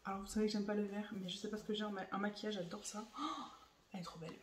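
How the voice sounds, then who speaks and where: A young woman vlogger unboxing makeup in casual chat, gushing and excitable as she talks to her viewers. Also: medium pitch, rapid-fire, noisy background. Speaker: beauty vlogger. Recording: echoey room, voice a bit far from the mic.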